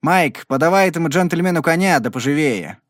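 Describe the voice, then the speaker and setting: A stern, gruff sheriff with a gray mustache, as a male audiobook reader voices him, demanding and firm. His voice sits a bit high for a man, and the recording is dry and close. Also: lively intonation, a little fast, dry recording, natural voice. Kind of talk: audiobook reading.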